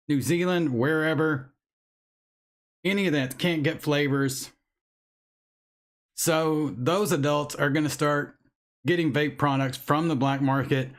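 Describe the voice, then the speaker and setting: A man hosting a casual live chat, angry, blunt and swearing as he talks. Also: medium pitch. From United States. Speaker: vape channel host. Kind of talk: casual livestream chat reading chat.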